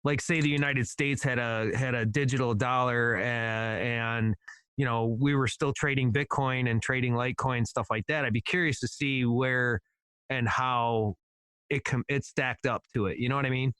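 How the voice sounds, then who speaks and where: Male host, casual and rambling, mid pitch, dry close sound. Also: normal speed, smooth, dry recording. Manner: relaxed, rambling, agreeable. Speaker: podcast host. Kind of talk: casual podcast conversation.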